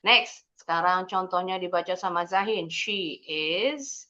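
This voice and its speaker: A woman teacher with an Indonesian accent gives an English lesson to children over a video call. She speaks slowly and stretches out each model word, with a bright, forceful tone. The sound is a little dull and lo-fi. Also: lowish voice. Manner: slow, drawn-out model pronunciations between brisk explanations. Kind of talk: online English lesson for kids.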